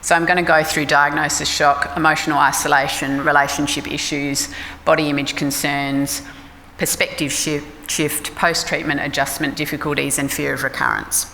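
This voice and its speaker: Australian woman, low creaky voice, bright edge, frank chatty psychologist talk, reverberant hall. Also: level tone, moderate pace, a little hiss or hum. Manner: frank, conversational, self-deprecating. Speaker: clinical psychologist speaking at a forum. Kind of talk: informal public talk. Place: forum hall. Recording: reverberant hall with faint ambience.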